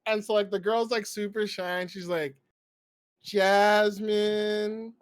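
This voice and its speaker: A man's voice: high voice, steady tone, a little fast. A young man hosting a casual podcast chat, telling stories and laughing often as he acts out quoted lines. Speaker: podcast host.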